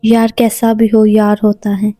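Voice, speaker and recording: A woman's voice: mid-range voice, monotone, mellow, no echo, studio quality, soft background music, close to an everyday voice. A woman voicing a playful, teasing young woman who talks familiarly to a stranger on a train.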